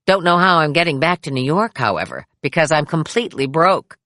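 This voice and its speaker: A woman's voice: sits low, very animated, brisk, a bit bright, no room sound, studio quality. Woman doing a breezy wry older friend. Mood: amused.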